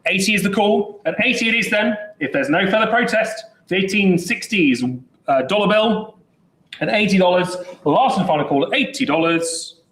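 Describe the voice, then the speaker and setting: High-voiced auctioneer calling bids. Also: male voice, animated, fairly bright tone, reverberant, rough recording. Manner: brisk, chatty bid-calling with jokes. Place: auction saleroom.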